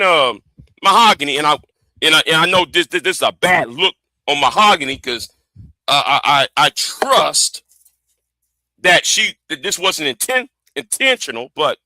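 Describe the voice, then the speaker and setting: A man's voice: a little high, bright, forceful tone, no echo, low-quality recording. A man hosting an informal livestream rant, stammering and often repeating the starts of his phrases. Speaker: livestream host.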